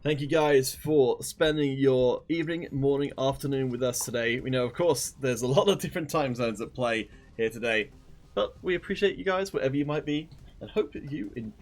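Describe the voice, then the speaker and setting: A man's voice: medium pitch, moderate pace. A man casting a live esports stream, chatting upbeat and directly to viewers. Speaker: esports caster.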